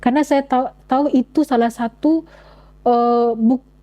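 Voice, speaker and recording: A young woman giving an earnest personal testimony, speaking in halting phrases with many restarts. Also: on the high side, steady tone, dark tone, low-quality recording. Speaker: convert sharing her story.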